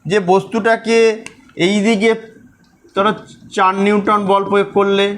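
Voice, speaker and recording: A man with a high voice gives a school physics lesson. He goes through each step with care and keeps checking that his pupils follow. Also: level tone, normal speed, a bit bright, a little hiss or hum. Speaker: teacher.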